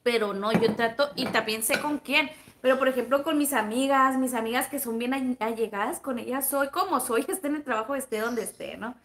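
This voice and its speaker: A woman's voice: on the high side, brisk, hardly any pauses, a bit bright, a little hiss or hum. A woman with a Sonoran Mexican accent, casually chatting on a livestream, gossipy and friendly, calling her viewers comadres and plebes. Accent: Sonoran Mexican Spanish. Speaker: livestream vlogger. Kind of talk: casual livestream chat reading viewer comments.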